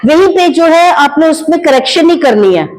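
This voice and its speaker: A woman teaching Hindi grammar to students, drawing out each word slowly so they can copy her pronunciation and calling them "beta" as she explains. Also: high-pitched, expressive, a little mellow, rough recording. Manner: slow, drawn-out pronunciation of words for students to copy; addresses students fondly as "beta".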